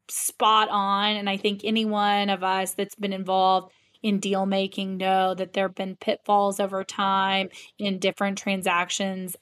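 A woman's voice: medium pitch, fairly bright tone. A woman podcast host interviewing in a polite, professional way. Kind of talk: interview hosting.

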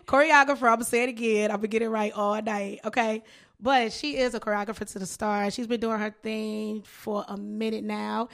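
A podcast host interviews a guest in casual chat, sounding playful, hyped and slangy. Her voice is medium-pitched and gravelly, with fairly even intonation at normal speed.

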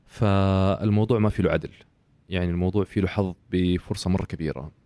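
A man talks quickly and emphatically, like he is giving a lesson. He scatters English phrases and "okay" through a relaxed interview. His lowish voice is recorded close and dry, with no room sound. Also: no echo. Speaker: author and podcast guest. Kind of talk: casual conversational interview.

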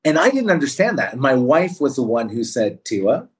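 A man's voice: medium pitch, big pitch swings, brisk. A man speaking as an interview guest about managing staff, telling anecdotes in a thoughtful, conversational way. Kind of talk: reflective storytelling in conversation.

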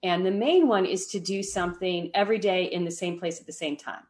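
On a podcast interview, a woman describes meditation habits in a friendly, explanatory manner, frequently checking in with "right?" and adding light laughs. Her voice sits on the low side, darkish, with fairly even intonation and a fairly quick pace.

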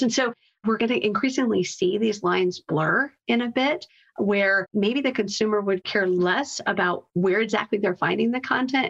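A marketing executive appears as an interview guest, answering conversationally and explaining her points. Her medium-pitched voice is a bit bright with a breathy edge, and the lo-fi audio sounds slightly dull.

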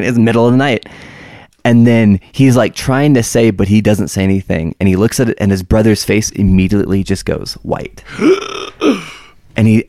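A man with a fairly low voice tells stories casually in a cabin in the woods. The sound is dry and close, and he slips into quoted dialogue as he goes. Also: darkish tone, no room sound. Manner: informal, filler-heavy retelling with acted quotes. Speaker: podcast co-host. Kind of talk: casual storytelling.

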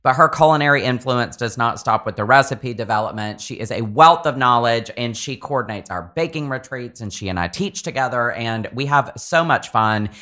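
A man's voice: medium pitch, lively intonation, normal speed, few pauses, bright, forceful tone. A man with a Southern US accent hosting a baking podcast in an enthusiastic, chatty way. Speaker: podcast host. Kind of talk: casual podcast chat.

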